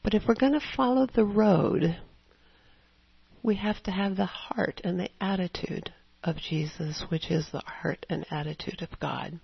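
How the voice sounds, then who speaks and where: A woman preaching a sermon in a conversational, storytelling way with animated asides. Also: fairly low pitch, unhurried, creaky, slightly rough, dry recording, highs cut off.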